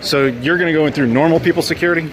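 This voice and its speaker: An American man hosts a travel vlog, joking about himself and chatting casually as he walks through an airport and a supermarket. His voice is fairly high and he talks at a racing pace, captured in noisy on-location audio.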